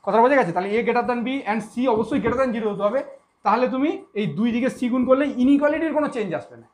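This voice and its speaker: Woman, math teacher, fast speech, somewhat high voice, repeats herself, checks understanding. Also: darkish tone. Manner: repetitive, keeps checking understanding. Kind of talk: classroom math lesson.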